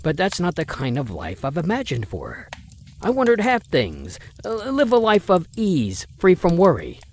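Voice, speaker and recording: Voicing Mister Spencer, a stern wealthy older father rejecting a suitor with condescension, a male voice actor performs in an old-time radio drama. His high voice makes huge pitch leaps at a moderate pace, and there's a little hiss or hum.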